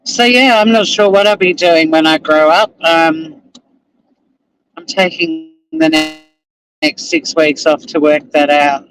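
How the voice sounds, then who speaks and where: A middle-aged Australian man who vlogs and works as a lawyer speaks slowly and expressively to the camera while driving. His voice is on the high side and a bit bright, his chatter rambling, self-deprecating and laced with casual swearing. The recording is rough, with slight background noise.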